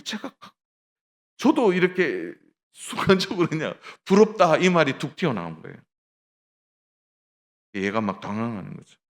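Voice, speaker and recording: Korean man preaching with lively pitch. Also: moderate pace, long pauses. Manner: tells a story with acted dialogue, addresses the congregation directly. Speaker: pastor. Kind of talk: sermon.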